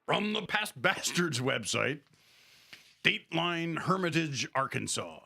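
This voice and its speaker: A man's voice: a little high, lively intonation, a little slow, vocal fry. A man co-hosting a casual podcast, reading a mock news segment in a jokey way. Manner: jokey, puts on a spokesman accent in quotes.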